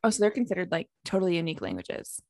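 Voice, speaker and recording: A young woman hosting a podcast interview, chatty and eager, with quick asides. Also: fairly low pitch, sing-song, darkish tone, no room sound, studio quality. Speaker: podcast host. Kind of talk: casual interview chat.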